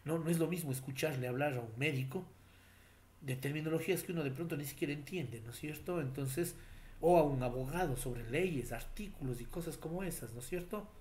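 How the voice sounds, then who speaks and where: A man's voice: a little high, a little fast, a little mellow. A middle-aged male teacher giving a lecture, explaining step by step, with many fillers and tag questions, addressing the listener formally. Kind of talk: classroom lecture.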